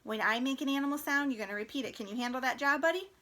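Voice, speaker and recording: High-voiced teacher reading a picture book. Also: female voice, racing. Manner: animated, coaxing, stops to scold gently. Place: home room. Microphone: computer for an online class.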